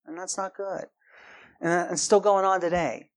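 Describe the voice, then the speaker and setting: A man's voice: steady tone, normal speed. Emphatic preacher man. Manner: emphatic, rising in pitch and volume for stress, acts out quoted voices. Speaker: pastor. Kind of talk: sermon.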